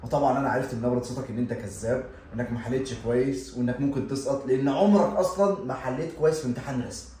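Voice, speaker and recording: A man voicing a gruff, teasing middle-aged Egyptian father who scolds his son with dry, mocking jokes, with an Egyptian Arabic accent. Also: medium pitch, racing, hardly any pauses, mellow, echoey room, slight background noise, voice pushed down, natural voice. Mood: scolding.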